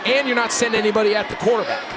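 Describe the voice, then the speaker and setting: A man's voice: sits high, steady tone, very fast. An American man giving live colour commentary on American football in a conversational, explanatory way. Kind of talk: live sports analysis commentary. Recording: TV broadcast over loud noisy stadium crowd. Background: loud stadium crowd.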